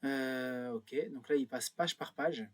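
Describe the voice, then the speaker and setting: A man talks through a screen-recorded tutorial in a slightly husky voice. He thinks aloud as he clicks, filling pauses and correcting himself as he goes. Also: mid-range voice. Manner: thinks aloud while clicking, many fillers and self-corrections. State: a bit nervous. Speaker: instructor.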